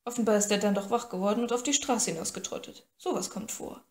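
A woman voicing a scheming, cowardly young prince who speaks in a hushed, slow, irritated way. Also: medium pitch, echoey room, natural voice.

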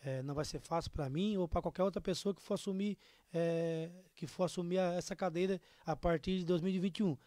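A man in his thirties with a southern Brazilian accent answers interview questions as a political candidate, making an earnest, colloquial campaign appeal. His high, mellow voice is brisk with fairly even intonation, recorded dry on a stand-mounted microphone in a small indoor studio.

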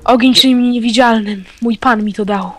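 A fanatical servant of a dark master, once a friend, now preaching menace, as a voice actor plays him in a Minecraft role-play. Game music runs steadily behind the voice. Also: medium pitch, steady tone, a little fast, close to an everyday voice. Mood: menacing.

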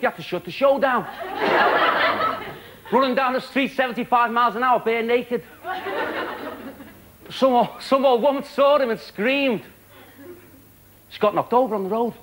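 A man in his thirties with a Liverpool accent doing a stand-up routine of quick, cheeky patter and punchlines. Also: very high-pitched, background noise. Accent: Liverpool (Scouse). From Liverpool, England. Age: 30s. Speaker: stand-up comedian. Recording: loud studio audience laughter.

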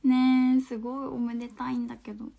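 High-voiced young woman with Hakata dialect. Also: level tone, fairly quick, creaky. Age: 20s. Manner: chatty, laughs often, trails into soft murmurs. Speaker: livestream host. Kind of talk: casual livestream chat reading viewer comments. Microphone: phone.

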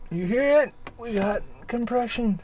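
A man with a notably high voice explains each step of a boat engine rebuild in a relaxed, chatty way, poking fun at himself now and then. He is working below deck in a cramped engine bay, close to the camera, with a faint background hum. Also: a little slow, rough recording. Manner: chatty, explanatory, self-deprecating. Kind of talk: casual how-to narration.

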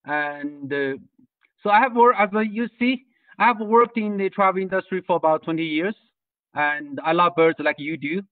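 The online birding-tour lecture comes from a Tibetan guest speaker whose slightly high voice moves at a normal speed. Hesitation, fillers, and restarts mark his delivery, heard as tinny video-call audio with no room sound, recorded far from the mic.

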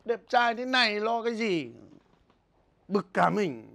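A man's voice: high voice, sing-song, a little slow, vocal fry, sharp tone, full character voice. A young man, acting as a bossy single older brother who scolds and brags in a comedy short film. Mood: grumbling. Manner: grumbling, scolding, boastful.

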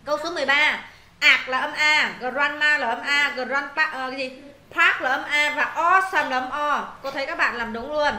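A woman's voice: high-pitched, moderate pace, sharp tone, reverberant. A woman English teacher, walking students through exam answers, repeating words and checking they follow. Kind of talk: exam answer walkthrough lesson.

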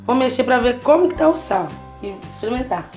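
A cooking channel host with a Brazilian Portuguese accent chats her way through a home recipe at the stove of her home kitchen, constantly checking in with the viewer. Her voice is fairly high, darkish in tone, expressive and brisk. Faint music plays in the background of this casual home cooking tutorial.

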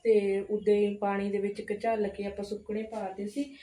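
A woman's voice: mid-range voice, little pitch movement, normal speed. A woman with a Punjabi accent chatting casually and colloquially, as in a homemaking vlog. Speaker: home vlogger and mother. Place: echoey room at home. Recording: echoey room with faint noise.

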